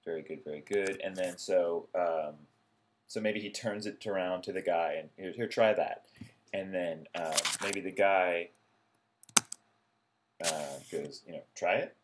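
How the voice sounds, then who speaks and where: A man's voice: deep voice, measured pace, slight background noise. A man giving casual spoken feedback on a friend's ideas, rambling and hesitant with many fillers, briefly acting out short bits. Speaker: peer reviewer giving feedback.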